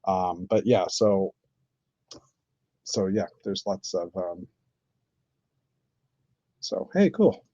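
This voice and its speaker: A man chatting casually on a live stream while building, thinking aloud with many pauses and fillers. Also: low-pitched, expressive, mellow, dry recording. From Canada. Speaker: streamer building with toy bricks. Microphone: computer mic on live stream. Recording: dull lo-fi stream audio.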